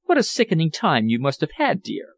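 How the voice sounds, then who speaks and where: A man's voice: on the high side, wildly swooping pitch, brisk, no echo. A man voicing a passionate young woman in an audiobook, speaking in an impassioned, vehement way.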